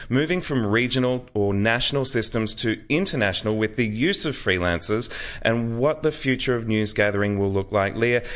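Male podcast host, lowish voice, upbeat and polished. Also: a bit bright. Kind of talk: podcast interview hosting.

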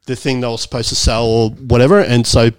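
A man's voice: medium pitch, steady tone, a little fast, clean tone, no room sound. A man with an Australian accent chatting casually as a podcast guest, telling anecdotes like a laid-back, slangy Aussie bloke.

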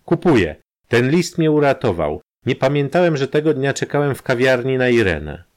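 A man voicing an agitated middle-aged factory owner under suspicion, shouting in a raised, strained voice. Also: lowish voice, sing-song, moderate pace, gravelly, voice pushed up. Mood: elated.

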